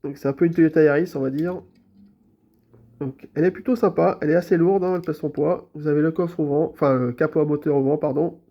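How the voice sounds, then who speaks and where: A man's voice: fairly high pitch, steady tone, quick pace, highs cut off. A man with a cold and a blocked nose, chatting casually and hesitantly as he shows his toy car collection in a vlog. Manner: easygoing, chatty, full of hesitations and repeated fillers. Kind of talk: casual show-and-tell vlog.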